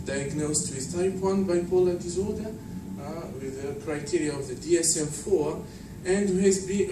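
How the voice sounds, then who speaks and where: A man from Tunisia presents at a conference, his voice sitting a little high for a man. He speaks in a measured, explanatory way with fillers. The sound is distant and echoey, with noise in the hall. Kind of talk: academic conference talk.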